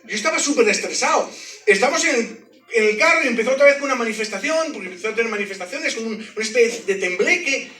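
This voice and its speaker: A man's voice: very high voice, fast. A man giving his testimony as a sermon, telling it with jokes and sound effects. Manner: animated, joking storyteller with sound effects. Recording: echoey hall, mic from a distance.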